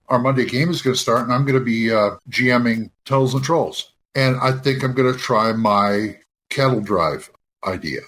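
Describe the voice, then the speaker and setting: An older man, around sixty, chatting loosely as a podcast host. He wanders through his points with many false starts, in an ordinary middle-pitched voice. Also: fairly bright tone, a little hiss or hum. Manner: rambling, with frequent restarts. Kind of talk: casual chat.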